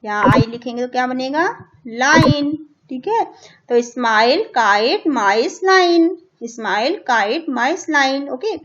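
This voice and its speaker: A woman teacher with an Indian accent who spells words out letter by letter for young children, stretching out English phrases very slowly. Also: sits high. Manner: spells words letter by letter, says "theek hai" after each point. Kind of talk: school lesson for young children. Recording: muffled lo-fi recording.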